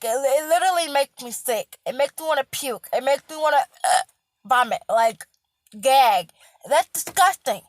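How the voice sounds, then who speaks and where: A woman's voice: high voice, no echo. A woman healthcare worker, ranting emphatically in a casual vlog and repeating her points. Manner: emphatic, repetitive, stressing words loudly.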